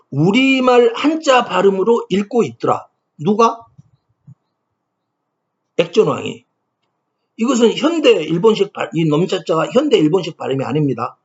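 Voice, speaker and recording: A man giving a lecture who asks himself questions and answers them with emphasis. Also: high-pitched. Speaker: lecturer on ancient Korean poetry. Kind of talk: classroom-style lecture. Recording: dull lo-fi recording.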